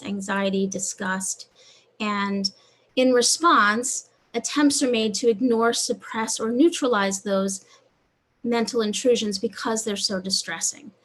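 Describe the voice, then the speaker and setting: A woman psychologist giving an online lecture over a video call, explaining in a measured way. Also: medium pitch, a bit bright. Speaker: psychologist presenter.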